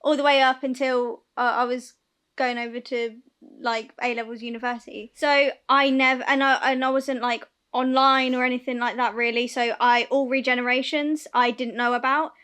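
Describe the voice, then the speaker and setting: A woman, co-hosting a chatty podcast and telling stories in an animated way. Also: high-pitched, normal speed, clean tone. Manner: animated storytelling, laughing and acting out scenes. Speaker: podcast co-host. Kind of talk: casual chat.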